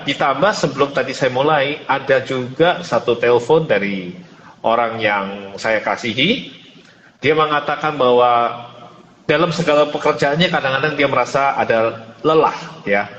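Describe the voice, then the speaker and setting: A man's voice: mid-range voice, fairly bright tone. A man hosting an online mentoring session, greeting joiners by name and giving an earnest motivational talk, his voice carrying a heavy cathedral-like echo. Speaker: host and business mentor. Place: closed room. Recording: echoey hall with long reverb, faint hiss.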